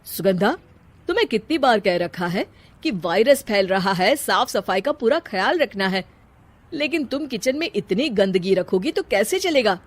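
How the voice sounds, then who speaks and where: A woman's voice: medium pitch, animated, moderate pace, lightly acted. A woman voicing an annoyed young husband who scolds sternly in a comic family story.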